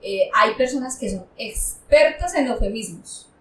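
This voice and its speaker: A woman accountant and former auditor from Colombia, chatting on a panel in an animated way and acting out the people she quotes. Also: fairly high pitch, a little slow, far from the mic. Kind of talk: casual panel chat. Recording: echoey room, off mic, faint noise.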